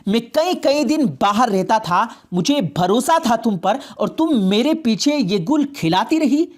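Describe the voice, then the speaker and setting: A woman's voice: a little high, lively intonation, natural voice. Woman voicing a stern, furious father. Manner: harsh, accusing, threatening. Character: stern middle-aged father, furious over honor.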